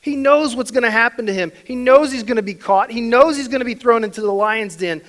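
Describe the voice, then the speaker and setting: Male pastor with a high-pitched voice, preaching with emphatic swings in volume. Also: fairly quick, poor audio. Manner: emphatic, swinging between soft and loud. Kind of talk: sermon.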